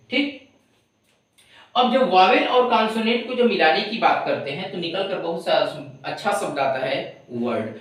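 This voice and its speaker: A woman teaching an English lesson, drilling pronunciation slowly and often checking whether the class follows. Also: lowish voice, heavy reverb, far from the mic, poor audio. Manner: drills words slowly, often asks if students understand. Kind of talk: classroom-style tutorial.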